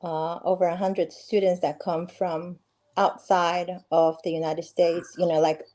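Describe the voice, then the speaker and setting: Speaking a little slowly in a dark, low-pitched voice with flat delivery, this middle-aged Peruvian woman is the guest in a casual video call interview. She's a real estate agent and comes across friendly, though her talk is full of fillers and restarts.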